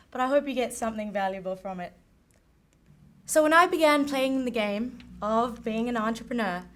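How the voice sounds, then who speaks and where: Upbeat young South African woman presenting. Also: high-pitched. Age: young adult. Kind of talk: live pitch presentation. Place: event stage before an audience.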